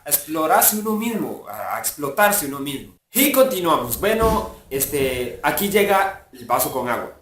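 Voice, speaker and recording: A voice impressionist and fandub creator, a man with a slightly high, somewhat bright voice, rambles casually about how he does his imitations, using lots of filler words. The room is echoey, the mic sits far away, and there's a faint hiss.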